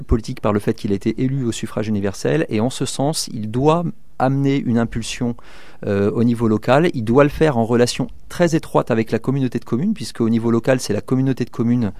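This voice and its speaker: A man's voice: medium pitch, vocal fry, warm tone, dry recording. A man in his thirties from northern France, a local election candidate answering interview questions hesitantly, with many fillers and restarts. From southern Manche, France. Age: 30s.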